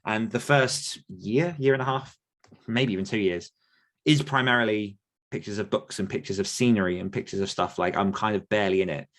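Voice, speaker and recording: A man in his thirties, a podcast host and author, answers listener questions about his writing career in a casual chat. His voice is lowish, a touch bright and a little quick, and he rambles with frequent restarts and self-deprecating laughs.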